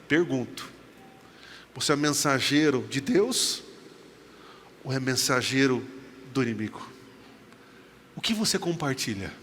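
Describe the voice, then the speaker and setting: A middle-aged man with a Brazilian Portuguese accent, preaching a sermon with lively storytelling and joking asides to the congregation. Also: mid-range voice, measured pace, long pauses. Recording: reverberant hall, faint background noise.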